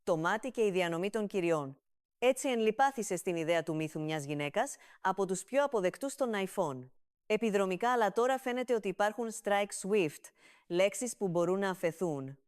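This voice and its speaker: A woman reading a fan story aloud in an even storytelling manner, lifting her voice for the characters' lines. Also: mid-range voice, smooth. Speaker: story reader.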